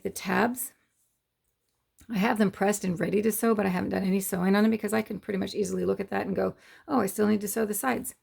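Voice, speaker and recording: Hoarse from losing her voice, a middle-aged woman runs a casual sewing channel tutorial. Her mid-range voice has a darkish tone, and she explains each step in a rambling, hesitant way full of fillers.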